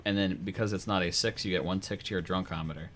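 A man running a tabletop game as game master, halting and full of ums as he explains rules. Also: sits low, steady tone, a bit bright, a little hiss or hum.

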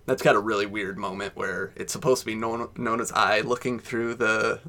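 A man co-hosting a casual episode recap chat in a halting, understated way. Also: on the low side, fairly even intonation, bright, forceful tone. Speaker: podcast co-host.

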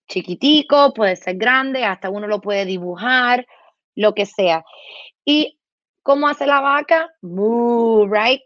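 A woman's voice: a little high, no echo, dull audio. A woman speech therapist explaining simple activities, slipping English words into her Spanish and imitating animal sounds. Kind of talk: explaining to a host.

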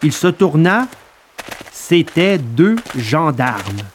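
A male narrator reading a classic children's tale aloud. His delivery is steady and expressive. His voice sits a touch above average pitch for a man. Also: extremely slow, slight background noise.

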